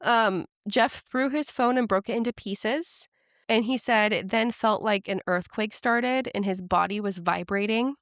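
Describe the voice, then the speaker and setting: Clear-voiced woman host telling a story. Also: medium pitch, measured pace, fairly bright tone, dry recording, clean studio sound. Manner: chatty retelling with frequent "like" fillers. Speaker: podcast host. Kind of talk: casual storytelling chat.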